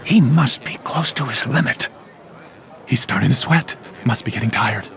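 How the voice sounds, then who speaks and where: A wary cartoon bystander with a gravelly voice that moves around a lot. He mutters suspiciously over faint music. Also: mid-range voice, animated, moderate pace, fairly bright tone. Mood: doubtful. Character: wary male onlooker in a crowd. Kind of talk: animated dub dialogue.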